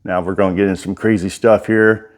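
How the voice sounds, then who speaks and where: A middle-aged man with an American accent and a fairly low voice. He speaks out of one side of his mouth in a loose, folksy way. His delivery is that of an informal vlogger rambling as he shows people around. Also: fairly even intonation, a little fast. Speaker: writer and bladesmith giving a workshop tour. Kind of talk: casual walk-through vlog.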